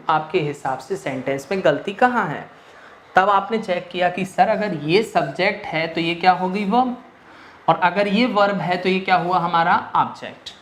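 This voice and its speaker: A man's voice: high-pitched, fairly bright tone. A male English grammar teacher lecturing in a mix of Hindi and English, posing rhetorical questions and answering them himself. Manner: switches between Hindi and English mid-sentence. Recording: echoey room with faint noise.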